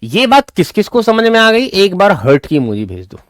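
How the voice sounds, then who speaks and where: A man's voice: sits high, wildly swooping pitch, moderate pace, no echo, studio quality. A man teaching English grammar in a live online class, repeating key points and coaxing his students along.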